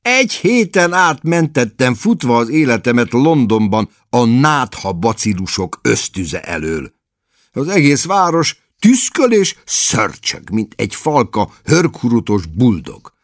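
A man's voice: medium pitch, sing-song, no room sound, studio quality, voice pushed up, natural voice. A man reading aloud and voicing an irritable young man ranting in complaint.

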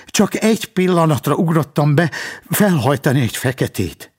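A whiny, wheedling driver who pleads and plays innocent, his voice pushed up high and bouncing all over, as a man puts him on. He talks in an eager, lively whine. It sounds like a storybook reading. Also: breathy edge. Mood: pleading. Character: whiny, wheedling man caught by a traffic cop.

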